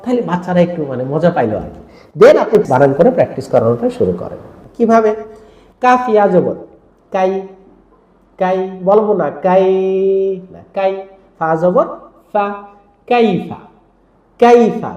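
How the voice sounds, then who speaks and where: High-pitched guy teaching quran reading rules, repeats everything slowly, echoey kinda muffled room. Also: very animated, darkish tone. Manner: explains step by step, repeats rules and drills sounds slowly. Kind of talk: teaching tajweed to teachers, with chanted drills.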